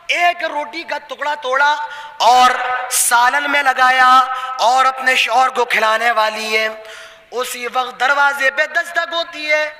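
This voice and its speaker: High-voiced male preacher, echoey hall. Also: sharp tone. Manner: chanting, repetitive storytelling sermon. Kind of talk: sermon with a moral story.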